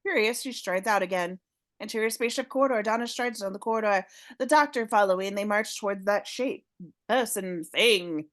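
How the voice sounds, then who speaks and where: A woman narrating the action descriptions of a fan audio drama script, reading at a paced rhythm with pauses. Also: medium pitch, a bit bright. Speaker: narrator of stage directions.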